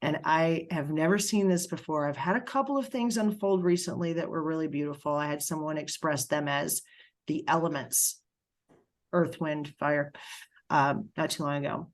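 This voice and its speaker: A middle-aged woman working as a spiritual medium, giving a reading to a client in a halting, emotional way with many fillers and pauses. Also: sits low.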